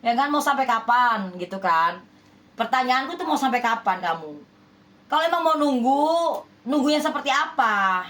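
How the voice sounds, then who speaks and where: Woman, high voice, spiritual reader; speaks to the viewer with emphasis, scolding and persuasive. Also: animated, normal speed, fairly bright tone. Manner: emphatic, repeats rhetorical questions like "ya kan?". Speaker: spiritual healer giving love readings. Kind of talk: direct address to viewers, relationship reading.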